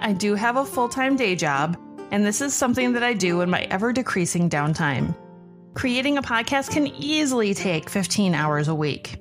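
A woman hosting a podcast, reading scripted narration. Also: medium pitch. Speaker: podcast host.

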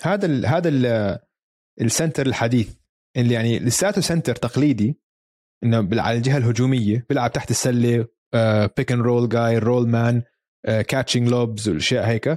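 A man with a Levantine Arabic accent talks sport in a casual, conversational way. He moves quickly and slips English terms into his speech. His mid-pitched voice is recorded dry, with very little room sound. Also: darkish tone, no echo. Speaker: sports podcast co-host. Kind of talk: casual basketball chat.

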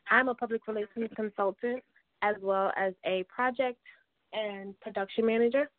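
A woman's voice: mid-range voice, fairly even intonation, normal speed, dry recording. This is a woman from New York, a guest on a call-in show, who speaks politely and now and then repeats her words. Her voice comes over a dry, tinny phone line. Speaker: guest, public relations consultant.

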